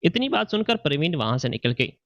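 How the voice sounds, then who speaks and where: A man narrating a family story in a scripted, even reading voice, voicing every character himself. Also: a little high, fairly quick, no echo, dull audio. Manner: reads all the dialogue in his own voice.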